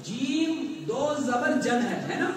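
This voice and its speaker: A male teacher with a Pakistani Urdu accent, spelling out letters, chanting verses slowly and quizzing pupils by name in a classroom lesson. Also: extremely high pitch, animated. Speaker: Quran recitation teacher. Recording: echoey distant room with noise.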